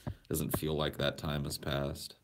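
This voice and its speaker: In a very deep monotone, a little slow, a young man hosts a casual livestream with slight background noise. He crudely rambles and takes his viewers' questions aloud, filming on a portable camera or a phone he carries around.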